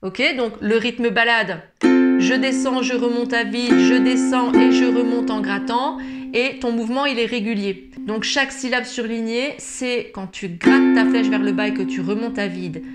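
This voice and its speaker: A woman calmly explaining ukulele chords and strumming step by step in a tutorial. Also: fairly high pitch, moderate pace, over loud music. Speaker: ukulele teacher.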